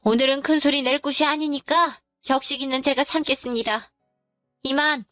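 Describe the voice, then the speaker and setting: A sneering, blunt mother-in-law in a dramatized story, as a woman puts her on. The voice sits a little high and sounds close and dry, with faint music underneath. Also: steady tone, normal speed, fairly bright tone, no echo. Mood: scornful. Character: rude scornful middle-aged mother-in-law.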